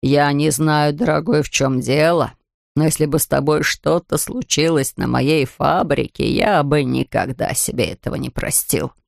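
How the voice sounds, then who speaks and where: Stately older factory boss voiced by a woman, lowered voice, measured, solemn, storybook audiobook. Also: gravelly, no echo, clean studio sound. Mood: anxious. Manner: slow, solemn. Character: pompous older male factory owner.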